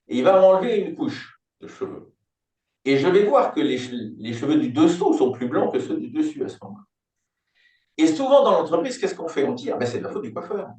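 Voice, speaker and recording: A business turnaround consultant and company founder in his sixties talks through his thinking in a conversational interview. His medium-pitched voice has a darkish tone, and he's reflective, drawing on everyday examples. The mic is distant and the room sounds spacious.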